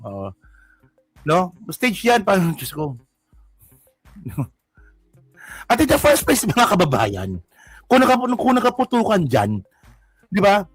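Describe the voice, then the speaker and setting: A man's voice: sits high, wildly swooping pitch, slow, pauses often, husky, no room sound, soft background music. A man with a Filipino accent giving casual political commentary, mocking and rambling as he reacts to clips. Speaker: commentary vlogger.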